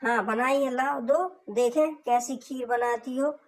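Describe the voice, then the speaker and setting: A spiteful young sister-in-law picks at everything in a slow, deliberate drawl, as a woman acts her out. Her voice sits a little high and stays scornful. It is a homemade family drama skit. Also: steady tone. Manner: scornful, fault-finding.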